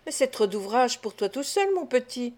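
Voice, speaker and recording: Meek doting young woman, read by a woman, soft, a bit high. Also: very animated, normal speed.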